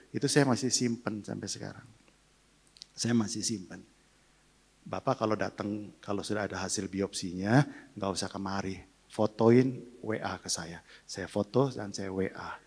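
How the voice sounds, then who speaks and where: A man's voice: fairly low pitch, breathy edge. An older male pastor preaching a sermon, sharing an emotional personal testimony and leading a congregation in prayer.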